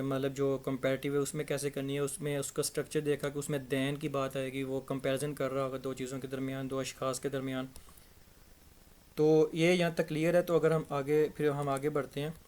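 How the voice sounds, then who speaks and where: A young man teaching an English grammar lesson in a casual, chatty way, slowly repeating words to show their pronunciation. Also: mid-range voice, a little mellow.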